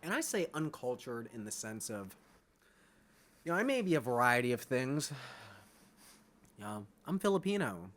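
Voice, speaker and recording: Man, monologue to camera, blunt, swears a lot, confrontational, animated pitch, middle register. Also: normal speed, pauses often. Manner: talks straight to the viewer with frequent "all right?". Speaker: vlogger.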